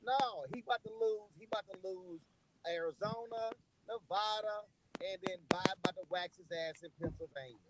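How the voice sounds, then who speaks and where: A man on speakerphone in a car, trash-talking loudly and profanely, his voice muffled and distant as if heard through a wall. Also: sits high, normal speed, noisy background. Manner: boisterous, profane trash talk. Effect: muffled and far off, as if heard through a wall, on speakerphone. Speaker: guest, political show host. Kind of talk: casual video-call banter. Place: in a car, driving.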